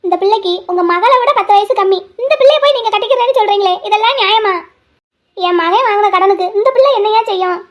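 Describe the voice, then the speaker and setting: A woman's voice: extremely high pitch, fast. A woman voicing a worried elderly grandmother in a cartoon, pleading, scolding and wailing. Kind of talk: cartoon voice acting.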